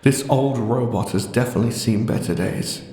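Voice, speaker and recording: A man's voice: medium pitch, normal speed, dark tone, close to an everyday voice. Man as a wry narrator in echoing reverb. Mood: wry, dramatic. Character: wry, theatrical game narrator. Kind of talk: scripted narration. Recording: echoey long reverb with music. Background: music.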